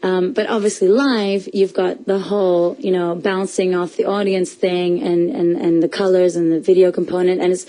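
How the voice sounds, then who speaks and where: A woman's voice: on the low side, little pitch movement, normal speed, hardly any pauses, mellow, poor audio. A young woman from Portugal, a musician being interviewed on radio, chatty with frequent laughs and restarts. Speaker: musician guest. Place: radio studio.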